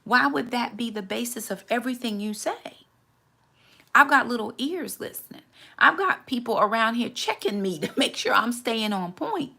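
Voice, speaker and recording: Woman in her 40s, faith talk, gravelly but bright voice, earnest, restarts her words a lot. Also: a little high, expressive, moderate pace. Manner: earnest, candid, repeats words while gathering thoughts.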